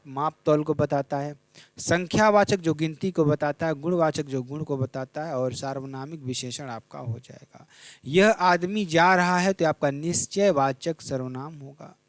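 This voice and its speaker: A man's voice: a little high, unhurried, a bit bright, no echo. A young man teaching a Hindi exam revision lesson, repeating each question and checking in with his students.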